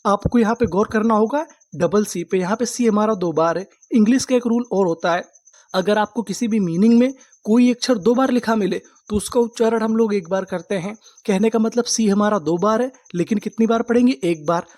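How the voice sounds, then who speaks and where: A man's voice: sits high, brisk, darkish tone, no room sound. A man teaching an English vocabulary lesson, spelling words out letter by letter and answering his own questions.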